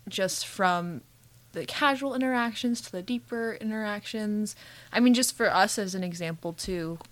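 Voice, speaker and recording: Chatty young woman co-hosting a podcast. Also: fairly low pitch. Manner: chatty, laughs easily, restarts often. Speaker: podcast co-host. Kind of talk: casual podcast chat. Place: spare bedroom of a house.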